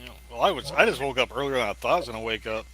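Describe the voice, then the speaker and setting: A man talking casually with friends, easygoing and quick to laugh. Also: mid-range voice, expressive, a crowd in the background, rough recording. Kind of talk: casual chat.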